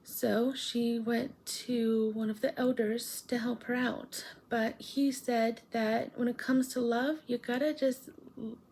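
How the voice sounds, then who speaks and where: Slow, creaky-voiced woman vlogging late at night. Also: a little high, little pitch movement, a little mellow, a little hiss or hum, poor audio. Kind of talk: casual late-night challenge vlog, recounting an urban legend.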